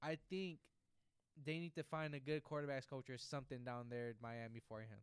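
A man's voice: medium pitch, fairly even intonation, fairly quick, smooth, dry recording. A man co-hosting a sports podcast in loose, profane, joking banter. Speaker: podcast co-host. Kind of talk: casual sports chat.

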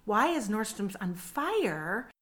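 A woman's voice: mid-range voice, big pitch swings, slow pace, a bit bright. A woman co-hosting a podcast who recounts an awkward incident animatedly, with self-deprecating asides and stammered restarts. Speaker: podcast co-host. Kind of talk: casual storytelling chat.

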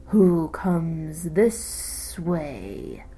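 A menacing old fire-breathing sea serpent, put on by a woman, drawing out each slow word in a low, mellow voice. He sounds ancient and threatening, and soft music sits faintly behind him. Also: very animated, slightly rough, exaggerated voice.

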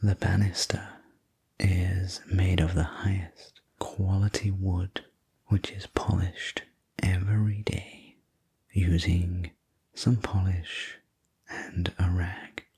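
Slow whispered role-play, male sleep story narrator. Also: sits low, level tone, darkish tone. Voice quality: breathy, unvoiced whisper. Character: courteous male head servant guiding a manor tour. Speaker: sleep story narrator playing a household servant guide.

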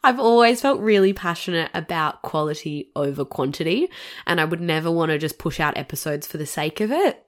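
A woman's voice: low-pitched, animated, brisk. A woman in her thirties with an Australian accent and a nasal voice from a cold, hosting a casual solo podcast with a chatty manner and little laughs between phrases. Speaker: podcast host.

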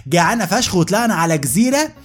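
A man's voice: high-pitched, very animated. A man with an Egyptian Arabic accent doing a comic monologue, exasperated and mocking, tripping over his words as he rants. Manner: exasperated, mocking, rapid-fire with frequent restarts. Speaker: podcast host.

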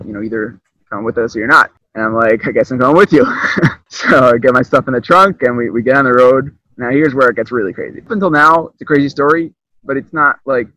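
A young man casually retelling a personal story, rambling and animated, often restarting his sentences. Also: mid-range voice, dry recording, dull audio.

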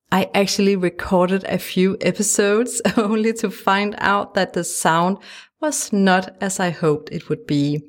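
Speaking in a voice on the low side, a life coach from Denmark hosts her own solo podcast, her Danish accent clear. She's gentle and encouraging, with occasional light laughter, recording in a small home studio whose walls are lined with sound panels.

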